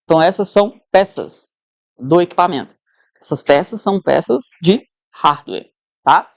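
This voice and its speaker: A woman's voice: lowish voice, expressive, normal speed, gravelly, no echo, clean studio sound. A woman teacher giving an exam-prep lesson, conversational, who keeps checking in with her students.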